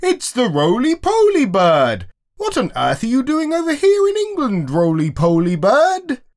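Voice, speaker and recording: Storybook monkeys, very high, squealing and shrill. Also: male voice, huge pitch swings, a little slow, heavily acted. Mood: astonished. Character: chattering excited monkeys.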